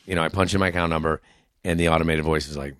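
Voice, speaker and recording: A man's voice: very deep voice, fairly even intonation, very fast, fairly bright tone, dry recording, clean studio sound. A middle-aged man, a podcast guest and author, telling frank, self-mocking stories in casual conversation, swearing now and then. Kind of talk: candid conversational storytelling.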